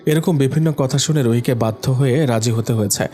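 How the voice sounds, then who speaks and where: A man's voice: medium pitch, fairly quick, dark tone. Man narrating a romantic audio story. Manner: reads all the characters himself with small voice shifts.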